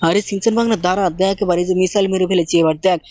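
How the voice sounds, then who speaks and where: Woman gamer host, fast bossy banter, slightly high, close dry mic. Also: a little mellow, no room sound. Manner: rapid, bossy uncle-style banter. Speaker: gaming channel host. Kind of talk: game role-play commentary.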